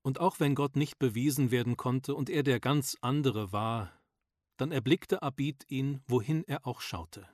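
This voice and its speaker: A man narrates an audiobook in a calm, measured way. His voice sits in a middle register for a man. It is recorded close on a studio mic with a dry, dead sound. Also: medium pitch, no echo.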